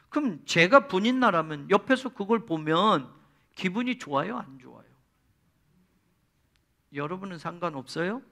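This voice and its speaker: A man's voice: sits high, fairly bright tone. A male pastor preaching a church sermon, speaking expressively and addressing the congregation directly.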